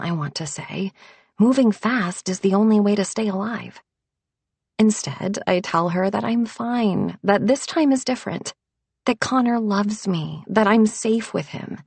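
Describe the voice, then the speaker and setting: A woman narrating an audiobook in first person, reading at a measured, even pace. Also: medium pitch, gravelly, no room sound.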